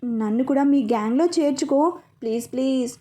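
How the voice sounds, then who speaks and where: A woman's voice: high-pitched, a little fast, mellow, close to an everyday voice. A woman storyteller voicing a lovestruck young woman who coaxes and pleads in a letter. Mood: pleading. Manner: coaxing, playful.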